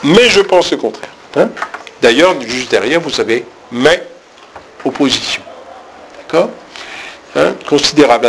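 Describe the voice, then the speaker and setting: A man's voice: a little high, fairly bright tone, slight background noise, rough recording. A man teaching a diction lesson in French, explaining where to place stress and acting out lines with strong emphasis to show it. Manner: demonstrates stress by reading lines with heavy emphasis. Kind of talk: diction and text-reading lesson.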